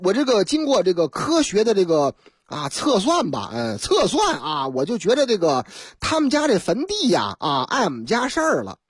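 A woman's voice: medium pitch, huge pitch swings, normal speed, slightly rough, no echo, studio quality. A woman voicing an older man who sheepishly explains why he moved a grave. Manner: hesitant, rambling excuses.

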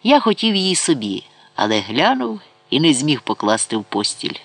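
A man's voice: on the high side, big pitch swings, normal speed, vocal fry, a bit bright, exaggerated voice. A man voicing a drunk, arrogant grand vizier who talks in a mocking, brash way in an audiobook. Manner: mocking, brash, then pleading.

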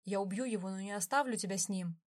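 A woman's voice: mid-range voice, fast talker, close to an everyday voice. A woman reading a hot-tempered protective brother. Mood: firm. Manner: harsh, commanding.

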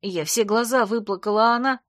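A woman voicing an emotional, excitable young noblewoman friend who gushes in exclamations. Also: a little high, brisk, dry recording, clean studio sound, close to an everyday voice. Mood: excited.

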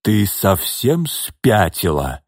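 A man reading an audiobook, voicing a jealous, cowardly old man who is hoarse and out of breath. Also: mid-range voice, animated, slow pace, a little mellow, no room sound, clean studio sound. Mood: stunned. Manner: wheezing, despairing.

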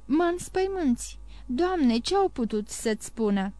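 A woman's voice: sits high, big pitch swings, mellow, dry recording. Woman voicing Valentine, an anxious tender granddaughter. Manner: pleading, affectionate questioning. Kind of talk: audiobook reading.

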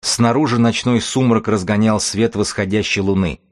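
A man narrating an audiobook in a steady, grim storytelling manner. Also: fairly low pitch, moderate pace, dry recording, studio quality. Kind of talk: scripted narration.

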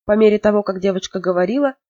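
A narrator reading a novel aloud in an expressive storytelling manner. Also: medium pitch, fast, no echo. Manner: expressive storytelling, lifting for emotional moments. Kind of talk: audiobook narration. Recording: dull lo-fi, dry.

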